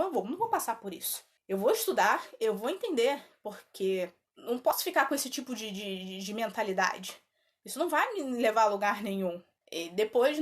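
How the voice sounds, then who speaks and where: Animated woman telling a story. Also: a little high. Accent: Brazilian Portuguese. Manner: animated retelling with quoted dialogue; laughs often. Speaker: channel host. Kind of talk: casual spoken storytelling.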